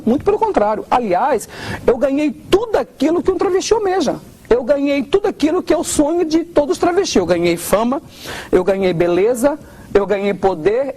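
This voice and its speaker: A man's voice: very high voice, a little hiss or hum. A man with a Brazilian Portuguese accent giving an earnest testimony in an interview, acting out the voices of the people he quotes. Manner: earnest, expressive, quotes others in changing tones. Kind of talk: emotional testimony.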